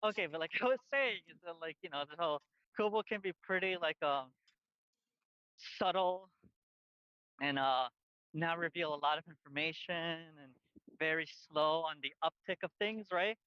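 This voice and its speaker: Rambling high-voiced man on a lo-fi line. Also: normal speed, clear, resonant tone, dry recording. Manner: rambling, many fillers and restarts. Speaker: podcast co-host. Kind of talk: casual chat. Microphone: headphones on, outdoors by a busy street.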